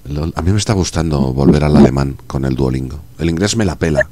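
A man's voice: very deep voice, quick pace, a little mellow, no room sound. A man with a Spain Spanish accent, chatting and joking casually while gaming on a stream. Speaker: streamer and host.

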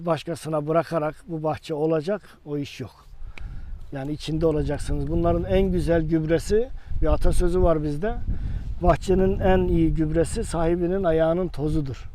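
Guy hosting out in an orchard, high but soft mellow voice, chatty. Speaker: host and orchard adviser. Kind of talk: casual field presentation and interviewing. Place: outdoors in a walnut orchard. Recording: faint outdoor background noise.

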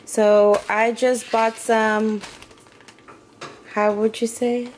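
A woman's voice: fairly high pitch, level tone, very slow, darkish tone, a little hiss or hum. A woman talking casually through her meal prep in a home kitchen, chatty and a little hesitant, often correcting herself. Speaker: vlogger.

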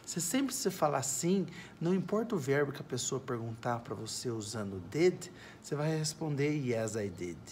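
A Brazilian man giving a casual, playful video lesson in English from his backyard. He says the English examples slowly and clearly. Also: mid-range voice, big pitch swings, a little mellow, slight background noise. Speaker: English teacher. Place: home backyard, outdoors.

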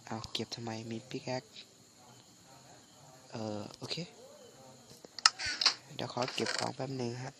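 A man hosts casual gameplay at a slow pace, muttering and pausing as he goes. His mid-pitched voice sounds phlegmy from a recent flu. The recording has clear noise and clicks behind him. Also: little pitch movement. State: recovering from flu, phlegmy with coughs. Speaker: gaming channel host.

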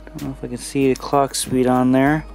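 A man's voice: medium pitch, little pitch movement, normal speed, gravelly, a little mellow, faint music behind. A man narrating a house tour on camera. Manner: curious, upbeat, thinking aloud with fillers. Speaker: vlogger exploring and inspecting an old computer. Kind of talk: casual handheld vlog narration. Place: cluttered indoor rooms of an empty house. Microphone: handheld camera mic.

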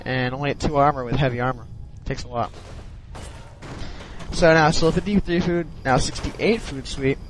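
A man's voice: medium pitch, normal speed, rough recording. Man, casual game replay commentary, sleepy, lots of ums and restarts, faint noise behind. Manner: hesitant, many ums and restarts. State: sleepy, yawning.

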